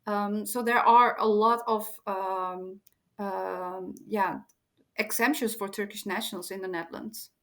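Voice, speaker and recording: A woman's voice: mid-range voice, fairly even intonation, measured pace, fairly bright tone. A woman guest explaining immigration rules hesitantly, with many fillers. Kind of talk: explanatory interview answer.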